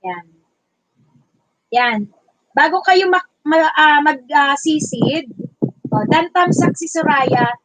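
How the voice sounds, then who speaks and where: A teacher from the Bicol region hosting a casual livestream, loudly chatting and greeting viewers by name. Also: female voice, high voice, expressive, slow, long pauses, slight background noise, rough recording. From Bicol region, Philippines.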